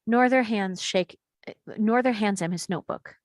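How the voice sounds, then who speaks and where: A woman reads stage directions aloud at a steady pace, with a middle-pitched voice. The sound is dry and close. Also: normal speed, dry recording. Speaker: narrator reading stage directions. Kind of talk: table read narration.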